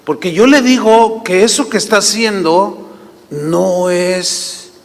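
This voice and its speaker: A man, a preacher, voicing a worried pastor's wife who pleads softly in a raised voice. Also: slow. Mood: pleading. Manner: soft, higher, pleading. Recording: long hall reverb.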